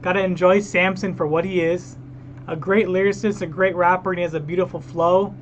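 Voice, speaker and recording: A man's voice: sits high, steady tone, fairly quick, muffled recording, slight background noise. A man hosting a reaction video, ranting heatedly and talking straight to his viewers. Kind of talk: casual reaction commentary.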